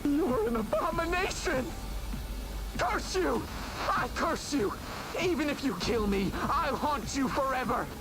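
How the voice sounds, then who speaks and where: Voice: high-pitched, animated, unhurried. An actor playing an anguished dying enemy commander in a video game, strained and dramatic, with music behind. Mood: defiant cursing. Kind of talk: theatrical anime-style game voice acting. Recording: loud music under the voice.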